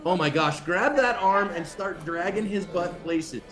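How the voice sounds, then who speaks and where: A middle-aged man giving casual, animated commentary on a video, acting out quotes and laughing along. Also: sits high, unhurried, soft background music. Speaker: self-defense video commentator. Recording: roomy echo.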